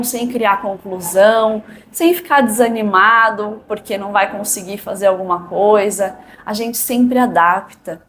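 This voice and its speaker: Casting: female yoga instructor, Brazilian accent, mid-pitched, unhurried, gentle and soothing guided-meditation delivery. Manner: calm, gentle, soothing guidance.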